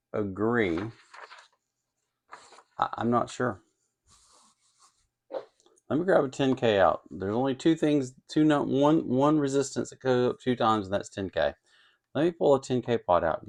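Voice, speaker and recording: Here the kit-building channel host speaks at a medium pitch, with vocal fry and a bit of mellowness. He chats through the hands-on work without a script, pausing and wondering aloud in a relaxed workbench style.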